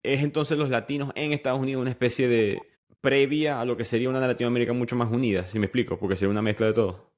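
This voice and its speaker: A young Venezuelan man hosts a casual podcast interview, talking at a racing pace in a medium-pitched voice with fairly even intonation. He chats conversationally and often restarts his sentences.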